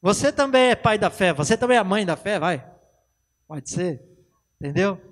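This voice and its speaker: A man with a Brazilian accent preaches in a conversational way, calling on people in the pews and acting out quick exchanges. His voice sits high for a man. The sound carries a long reverb from the church hall. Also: expressive. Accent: Brazilian Portuguese. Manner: conversational preaching, banters with the congregation, acts out quick dialogues. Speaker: pastor. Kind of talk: sermon.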